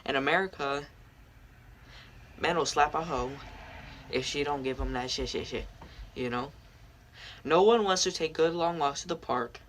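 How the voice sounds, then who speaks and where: A woman's voice: deep voice, moderate pace, long pauses, slight background noise. A woman YouTuber giving crude, sarcastic reaction commentary, mocking the story she plays.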